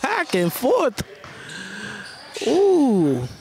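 A man's voice: very high voice, wildly swooping pitch, drawn-out words, darkish tone. A man giving casual, playful live commentary on a basketball game in an indoor school gym, recorded on a camera mic from the stands. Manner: playful, offhand, makes up sound words. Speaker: amateur play-by-play commentator. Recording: noisy gym audio, ball bounces.

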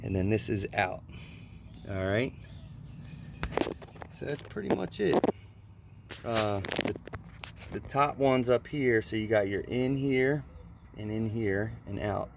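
Despite a slow pace and long pauses, this lowish-voiced man sounds animated, with vocal fry, as he explains a pressure washing build step by step in colloquial speech. The handheld phone recording him from behind the camera on an outdoor concrete patio is very noisy.

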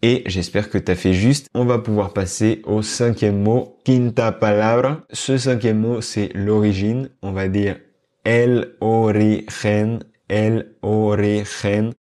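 Man teaching Spanish accents slowly. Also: fairly low pitch, darkish tone. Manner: explains patiently, repeats words slowly. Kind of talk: online language lesson.

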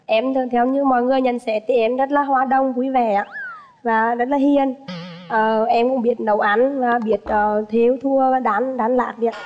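Hoarse, soft-spoken young woman. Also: on the high side, fairly even intonation, moderate pace, long reverb tail, dull audio, soft background music. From Vietnam. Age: 20s. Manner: soft-spoken, polite, hesitant. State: hoarse from a cold. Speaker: contestant, primary school teacher. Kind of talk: casual chat.

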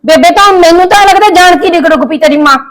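A sharp-tongued young wife fires back at her husband in indignant, scolding bursts, played by an actress. Her voice sits very high and the words rush out fast. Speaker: daughter-in-law.

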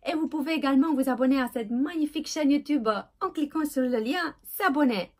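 A woman teaching English pronunciation in French, checking in with "ok?" and "voilà", and slowing down to model English phrases. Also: high-pitched, darkish tone. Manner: switches between French explanation and English examples, frequent "ok?" and "voilà"; slow, drawn-out model pronunciations. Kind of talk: language lesson.

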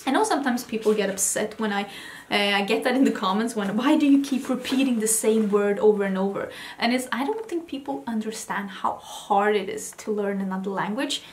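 Under vanity lights at home, a thirty-something Swedish beauty vlogger with a Swedish accent chats eagerly through a casual haul video. Her mid-range voice moves briskly, the room echoes, and she often starts words over.

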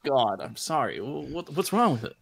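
A man doing a flustered gravelly cowboy. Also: medium pitch, sing-song, moderate pace. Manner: flustered, laughing, yelling when pestered. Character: bumbling cowboy outlaw in a wheelchair. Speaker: comedy podcast performer. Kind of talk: improvised Western comedy sketch.

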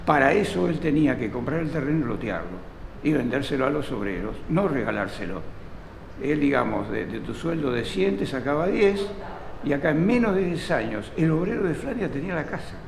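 An older man born in Italy tells the story with lively, direct storytelling and a gravelly, creaky voice. He is recorded close up in a small room with a long reverberant echo. Faint noise sits under the speech. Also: on the high side, brisk. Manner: animated storyteller, addresses listener directly. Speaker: local historian guide. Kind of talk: storytelling interview. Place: small indoor room with air conditioner. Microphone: camera close in front.

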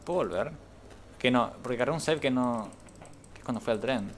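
A man's voice: mid-range voice, a little fast, slight background noise. A young man, streaming a game, reading the game's text aloud and reacting with casual, sarcastic, swearing asides.

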